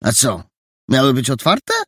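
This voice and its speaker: A man's voice: medium pitch, sing-song, a little slow, a bit bright, breathy edge, dry recording, voice pushed up, exaggerated voice. A man voicing a skeptical, wry young boy detective. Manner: dry, doubting questions.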